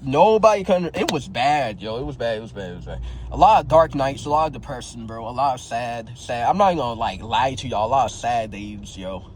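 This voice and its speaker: A man's voice: medium pitch, brisk, hardly any pauses, a little hiss or hum, low-quality recording. A man in his twenties with a slight lisp, talking casually and candidly to his viewers in a slangy way. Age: 20s. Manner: slangy and candid, tags phrases with "bro" and "yo", many restarts. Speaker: vlogger sharing his experience. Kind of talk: casual talk to camera.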